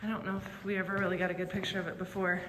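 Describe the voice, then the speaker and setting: A woman's voice: fairly low pitch, little pitch movement, very fast. A woman casually narrating a vlog in an informal, chatty way, thinking aloud, her voice echoing around a big workshop. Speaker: vlog host. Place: large echoey metal or concrete workshop. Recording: very echoey workshop, loud background noise. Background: loud ambient noise.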